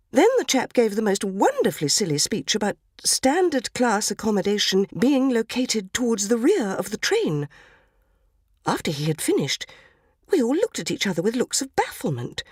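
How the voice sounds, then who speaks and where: A woman with a medium-pitched, slightly breathy voice reads a dramatic first-person short story in an English accent, playing a genteel 1940s housewife who is prim, naive, tearful, wistful and earnest. The recording is dry and of studio quality.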